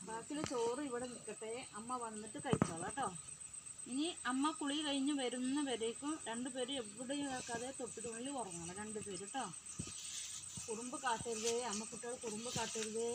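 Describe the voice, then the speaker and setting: A woman's voice: a little high, brisk. A woman playing mother to her dolls, talking in fond, coaxing, motherly chatter. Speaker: vlogger. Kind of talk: pretend play, mothering dolls. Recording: clear background noise.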